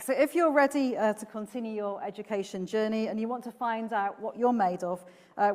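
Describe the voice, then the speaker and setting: A woman's voice: mid-range voice, long reverb tail. A woman giving an earnest, upbeat welcome speech to prospective students, with the odd filler. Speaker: university speaker giving welcome talk.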